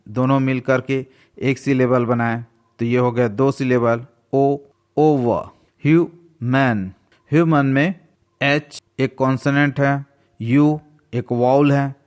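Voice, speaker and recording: A male English teacher talks through his lesson at a very slow, careful pace. His pitch sits in the middle range, and he patiently spells words out letter by letter. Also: steady tone.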